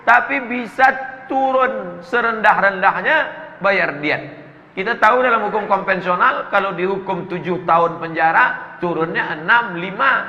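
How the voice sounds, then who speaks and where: A bright, forceful male preacher, fielding audience questions with quick jokes and rising emphasis. His voice rings out across a large hall with a long reverb. The sound is a touch dull. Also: high-pitched. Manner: jokey, animated, reads questions aloud then answers. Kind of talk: humorous sermon Q&A.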